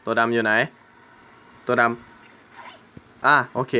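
A man's voice: mid-range voice, steady tone, takes it slowly, pushed and bright, smooth. A young man hosting his gaming channel, chatting casually through gameplay and swearing and exclaiming at the game.

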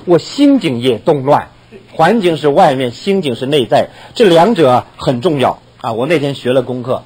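An older pastor delivers a sermon, his husky voice sitting a little high for a man. He tells his story in a lively way, laughing and acting out the dialogue. His pitch swings widely as he goes. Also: poor audio.

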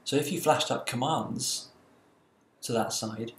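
A man delivers a university lecture at a mid-range pitch, explaining step by step with the odd "uh". The recording picks up a roomy echo and a faint hiss underneath. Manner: explanatory, measured, with some fillers.

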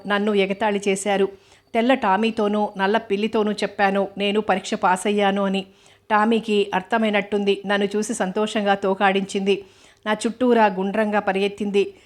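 Woman narrator for an audiobook novel: flat, level delivery, even pacing, unhurried storytelling. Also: mid-range voice. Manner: steady, even storytelling read.

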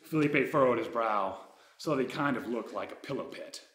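A man in his thirties reading a true personal story aloud on a dark theater stage, wry and ironic. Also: mid-range voice, expressive, normal speed, roomy sound, very noisy.

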